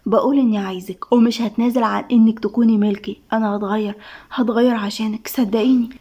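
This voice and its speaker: A woman narrator puts on a cocky young man from an Egyptian office story, soft-spoken and teasing. He talks fast and keeps a slightly raised pitch for a man. His Egyptian accent colors every line. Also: steady tone, dull audio, close to an everyday voice. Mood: tender. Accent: Egyptian Arabic.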